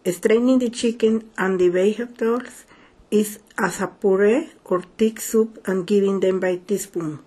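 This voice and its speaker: Older Guatemalan woman, soft husky voice. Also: medium pitch, fairly even intonation, a little slow. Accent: Guatemalan Spanish. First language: Spanish. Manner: careful, plain phrasing in a second language. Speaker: home cook sharing a recipe. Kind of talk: simple narrated recipe explanation.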